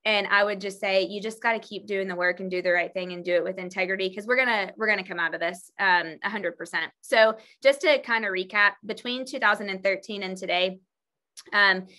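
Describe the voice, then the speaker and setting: A woman's voice: mid-range voice, sharp tone. A middle-aged woman, a real estate team leader, sharing earnest stories with colleagues, full of fillers and restarts. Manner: earnest, storytelling with many fillers. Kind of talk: presentation to colleagues.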